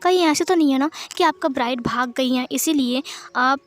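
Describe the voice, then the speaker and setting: A woman's voice: high-pitched, moderate pace, faint music behind, lightly acted. A woman voicing a playful, teasing young male lover in a storybook read-aloud. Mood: protesting. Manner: teasing, giggly lines.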